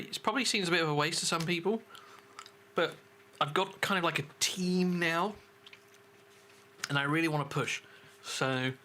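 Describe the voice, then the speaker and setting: A man's voice: on the high side, pushed and bright, slight background noise. A man streaming a game, chatting casually with viewers and answering their questions as he plays. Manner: chatty, reads and answers chat while playing. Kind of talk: casual gaming livestream commentary.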